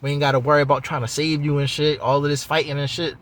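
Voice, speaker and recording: A man's voice: on the high side, flat delivery, fast, fairly bright tone. A rambling, easygoing man. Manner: rambling, loose and profane, with many fillers. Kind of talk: casual spiritual monologue.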